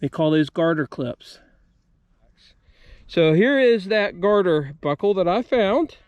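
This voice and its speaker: A man's voice: high voice, expressive, slow pace, a little mellow, no room sound, muffled recording. An American man hosting a metal detecting video outdoors, talking viewers through each step in a casual, folksy way. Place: outdoors at an old homesite.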